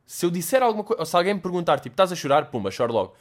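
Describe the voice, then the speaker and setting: A man's voice: sits high, racing. Young man chatting in European Portuguese. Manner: animated, swearing, mixing in English slang. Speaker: host answering listener questions. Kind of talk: casual chat.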